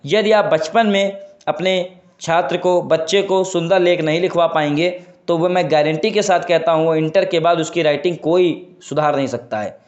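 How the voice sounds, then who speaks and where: Guy doing exam prep class online, kinda high voice, repeats stuff a lot, muffled lo-fi sound. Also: normal speed, hardly any pauses. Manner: emphatic, repeats key terms and list items; addresses viewers as friends, makes promises.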